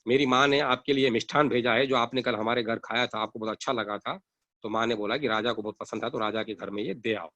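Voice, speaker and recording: Guy doing a sly calm merchant, hushed and confident, mid pitch, dry close sound. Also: fast, no echo, muffled recording, natural voice. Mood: confiding. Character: shrewd, calm male merchant confiding secrets.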